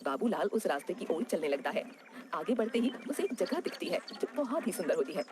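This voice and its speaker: A woman's voice: on the low side, big pitch swings, a little fast, noisy background. A woman narrating a cartoon story in plain, scripted storytelling.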